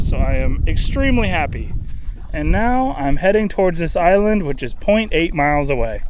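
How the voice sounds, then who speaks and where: A man's voice: fairly high pitch, slight background noise. A young man talking casually about his river trip outdoors, easygoing and upbeat, with lots of fillers and restarts. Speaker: solo river traveler vlogging his trip. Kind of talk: casual travel vlog narration.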